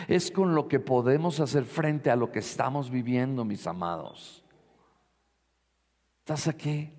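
A male pastor delivers a sermon at an unhurried, measured pace, reading scripture and breaking off to address the congregation directly. His voice sits at a middle pitch. It rings with the long reverb of a church hall. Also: darkish tone. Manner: preaching with bursts of emphasis and asides to the congregation.

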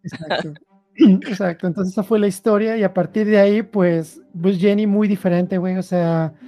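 A man's voice: high voice, normal speed, no echo, faint music behind. A man with a Mexican accent, a podcast guest telling a story in slangy casual chat and acting out the quotes. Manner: slangy, animated, acts out quotes.

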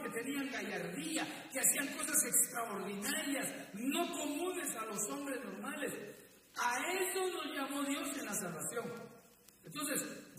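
A man's voice: very high-pitched, sharp tone, slight background noise. A middle-aged man preaching a sermon in a church hall, often calling the listeners brother and repeating his words. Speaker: pastor. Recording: echoey hall, mic at a distance.

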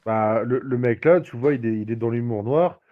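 A man's voice: mid-range voice, normal speed, phone-quality sound. A man in a casual discussion who talks in an easygoing way, with fillers.

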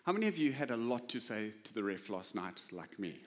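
A man's voice: lowish voice, sing-song, a little fast, a little hiss or hum. A man preaching a sermon as a pastor, in an emphatic, conversational way full of rhetorical questions. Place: church hall. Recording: preaching in a large reverberant hall.

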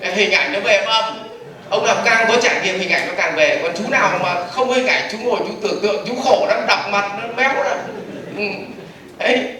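A man gives a lively seminar lecture, putting questions to the audience and answering them himself. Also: high voice, brisk, far from the mic, a crowd in the background. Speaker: business trainer. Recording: echoey hall recorded from afar.

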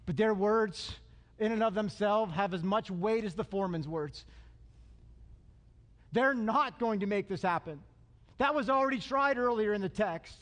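Pastor, male, high-pitched, punchy repetitive preaching, long hall reverb. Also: normal speed, long pauses, a bit bright. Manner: emphatic, repeats phrases for effect. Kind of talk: sermon.

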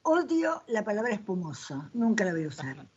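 Older argentine lady, breathy, real opinionated about wine, lo-fi audio. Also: medium pitch, very animated, normal speed, darkish tone. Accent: Argentine Spanish. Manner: opinionated, emphatic. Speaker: guest, wine guide author. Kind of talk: casual chat. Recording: dull lo-fi audio.

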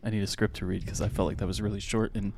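A man's voice: lowish voice, level tone, very fast, vocal fry, noisy background. A man co-hosting a podcast, talking casually and trailing off into mumbles. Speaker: podcast co-host. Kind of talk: casual chat.

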